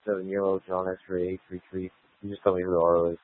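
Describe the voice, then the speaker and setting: A man's voice: sits low, little pitch movement, fast, dry recording. A male police officer speaking over a walkie-talkie, reading plate codes in clipped, businesslike radio talk. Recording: tinny radio transmission.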